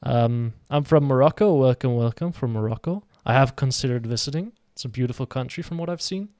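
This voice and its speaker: Recorded at studio quality with no room sound, a man from Denmark speaks a little fast in a mid-range, slightly mellow voice. He's live-streaming a game, rambling casually and answering messages from his viewers.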